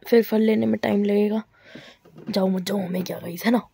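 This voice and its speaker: A woman's voice: medium pitch, steady tone, moderate pace, creaky, dark tone, a little hiss or hum. A young woman chatting casually to her viewers at home in a teasing, talkative home vlog. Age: young adult. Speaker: vlogger.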